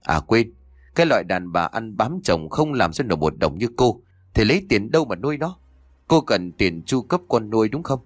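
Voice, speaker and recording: A man's voice: fairly low pitch, big pitch swings, moderate pace, no echo, clean studio sound. A man voicing an arrogant, cold young husband, speaking contemptuously through gritted teeth in a storybook reading.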